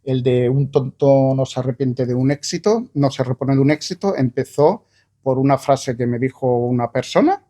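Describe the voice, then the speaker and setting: A man talks about his own writing at a book presentation. His voice is warm and mellow, and he thinks aloud with frequent fillers and restarts. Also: medium pitch, moderate pace. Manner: hesitant, thoughtful, many fillers and restarts. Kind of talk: conversational book presentation talk.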